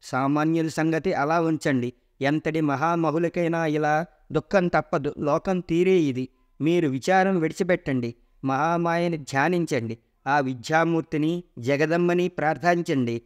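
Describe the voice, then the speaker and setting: A wise old creator god from a myth retelling, steady and authoritative as he consoles, read by a man with a fairly high voice. He lays out fate with measured calm. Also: close to an everyday voice. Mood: consoling.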